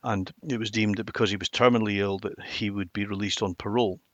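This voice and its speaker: A mature man with a Highland Scottish accent, telling stories reflectively and emphatically in a conversational interview. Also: steady tone, quick pace, no room sound, muffled recording. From Inverness, Highlands of Scotland. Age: middle-aged or older. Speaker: interview guest, former television journalist.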